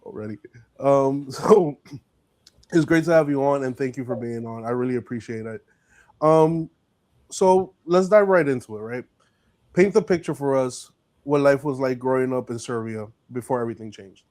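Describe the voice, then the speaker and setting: A man's voice: mid-range voice, moderate pace, darkish tone. A man hosting a podcast, upbeat and encouraging, opening with a short introduction and giving brief affirmations. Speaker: podcast host. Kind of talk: podcast interview.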